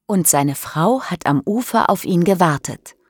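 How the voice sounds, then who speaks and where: A woman's voice: fairly low pitch, expressive, measured pace, husky, no echo, studio quality. A woman voicing a playful teenage boy who tells a spooky tale to tease his friends, in an audiobook. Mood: teasing. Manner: teasing, playful. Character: teenage boy, teasing storyteller.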